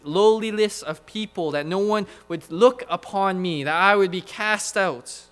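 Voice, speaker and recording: Man preaching, smooth resonant voice, long hall reverb, faint mains hum. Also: high-pitched, a bit bright. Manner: earnest, emphatic, with dramatic pauses and acted quotes. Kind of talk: sermon.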